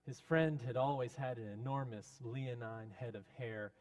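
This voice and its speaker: A man preaching a reflective homily in a measured, solemn pulpit manner with rhetorical repetition. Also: mid-range voice, steady tone, a little mellow.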